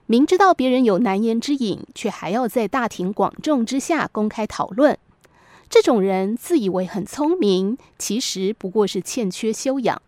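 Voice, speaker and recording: Woman narrator, fairly high voice, dry close sound, calm moral essays read from a script. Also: dry recording. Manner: measured, moralizing storyteller. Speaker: podcast host.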